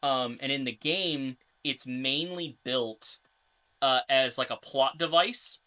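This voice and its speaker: A man's voice: mid-range voice, slow, pushed and bright. Male podcast co-host, casual, rambling lore explainer. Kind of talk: casual chat.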